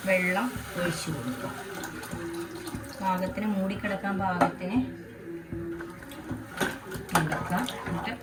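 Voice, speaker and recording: A woman's voice: lowish voice, unhurried, long pauses. A woman chatting casually to her viewers while she cooks at home for her vlog. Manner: chatty, talks straight to viewers as "guys". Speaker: home vlogger. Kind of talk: casual cooking and daily-life vlog. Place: home kitchen. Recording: echoey room, distant mic, background noise.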